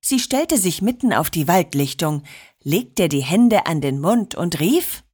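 Lively, slow-reading woman storyteller. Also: on the low side, breathy edge. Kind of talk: children's story narration.

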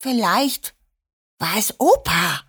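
A woman's voice: mid-range voice, big pitch swings, slow, a bit bright, husky, exaggerated voice. A woman voicing a startled little girl. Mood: eager. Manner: astonished. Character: young girl, bewildered and eager.

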